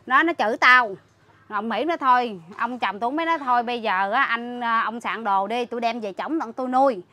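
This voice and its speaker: Southern vietnamese lady venting, bright voice, keeps restarting, kinda upset. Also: a little high, a little fast. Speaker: interviewee, relative caring for a sick man. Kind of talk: emotional spoken account.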